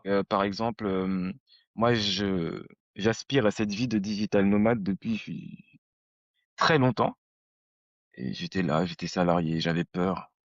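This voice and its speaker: Lowish-voiced man in his thirties hosting. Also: a little slow, no room sound, highs cut off. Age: 30s. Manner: slangy, rambling storytelling. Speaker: podcast host. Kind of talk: casual conversation.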